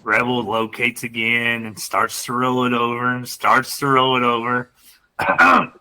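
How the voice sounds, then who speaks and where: Bright, lively man telling a story. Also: mid-range voice, normal speed, poor audio. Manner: animated, laughing storyteller. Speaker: podcast co-host. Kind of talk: casual chat, storytelling.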